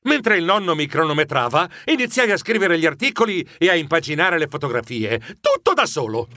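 A man narrating a children's story in an expressive, dramatic first-person style. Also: on the high side, a little fast, background noise. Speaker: audiobook narrator.

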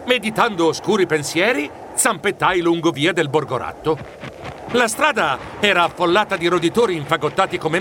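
A man narrating a children's story in an expressive, dramatic first-person style. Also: on the high side, a little hiss or hum. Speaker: audiobook narrator.

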